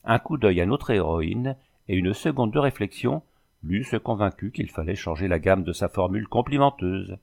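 A man narrating a novel as an audiobook in a measured storytelling manner. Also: on the low side, expressive, vocal fry, darkish tone. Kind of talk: scripted narration.

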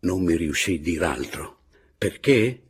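Deep, gravelly man narrating a classic novel. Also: a little hiss or hum. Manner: measured, expressive storytelling. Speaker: audiobook narrator. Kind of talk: literary audiobook narration.

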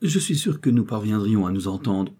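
A man's voice: fairly low pitch, animated, moderate pace, warm tone, slightly rough. A man reading the part of a polite, calculating male lace merchant in an audiobook novel. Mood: bargaining. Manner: courteous, bargaining tone.

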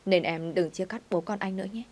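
A woman's voice: lowish voice, fairly quick, darkish tone, lightly acted. Woman reading as an insistent young man. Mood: pleading. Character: pleading young man, devoted father.

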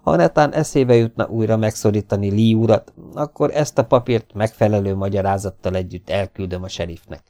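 A man voicing a mysterious masked male avenger in an audiobook, calm, mocking and self-assured. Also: lowish voice, few pauses, lightly acted. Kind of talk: audiobook character voice.

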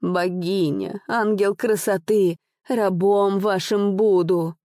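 A woman voicing a frightened aging nobleman who whines and begs, speaking slowly. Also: mid-range voice, steady tone, dark tone, dry recording, clean studio sound, lightly acted. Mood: pleading. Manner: pleading, whimpering.

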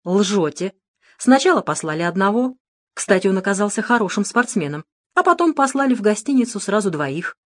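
A woman's voice: mid-range voice, very animated, fairly quick, voice pushed up. A woman reading a cool, mocking male detective. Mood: sarcastic. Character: calm, sarcastic middle-aged male detective. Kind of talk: audiobook character reading.

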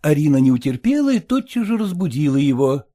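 Male narrator for an audiobook story, varied intonation, mellow timbre. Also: on the high side, very animated, quick pace.

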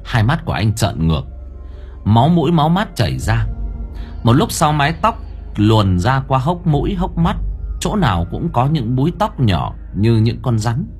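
A man's voice: medium pitch, sing-song, normal speed, darkish tone, faint music behind. A man narrating a horror story in a dramatic storytelling manner. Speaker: audiobook narrator.

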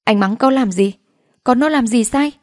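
Brief: a woman voicing a tired, wounded young mother, cool and firm, warm mellow tone. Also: fairly high pitch, moderate pace, no echo, studio quality, pitched above the performer's own voice, lightly acted. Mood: angry. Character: hurt, weary young mother.

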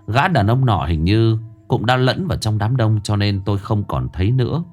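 Male horror storyteller, low and animated, dramatic and wry. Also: normal speed. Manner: dramatic, wry first-person telling. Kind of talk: scripted horror narration.

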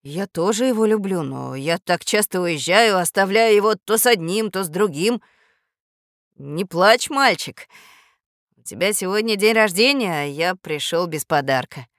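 A woman reading as a kindly middle-aged gentleman. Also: mid-range voice, animated, normal speed, dry recording, clean studio sound, lightly acted. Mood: polite, pleading. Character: kindly middle-aged man, a parrot's owner.

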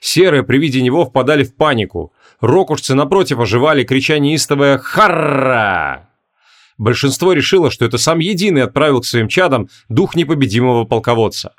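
A man reads a fantasy audiobook aloud. His pitch sits in an ordinary middle range. His reading is steady and measured. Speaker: audiobook narrator. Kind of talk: audiobook narration.

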